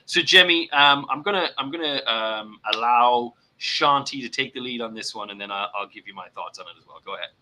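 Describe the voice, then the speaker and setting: A man's voice: medium pitch, fairly quick, few pauses, pushed and bright, slight background noise, low-quality recording. A man co-hosting a casual mental health chat, speaking earnestly, often repeating words as he thinks and putting on voices for examples. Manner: puts on voices to act out examples. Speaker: podcast co-host.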